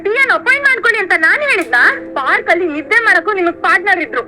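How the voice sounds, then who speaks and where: A woman's voice: very high voice, expressive, fast, background noise. A woman playing a young wife in a TV serial, arguing firmly with her husband. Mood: defiant. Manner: argumentative, firm. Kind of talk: TV serial acting.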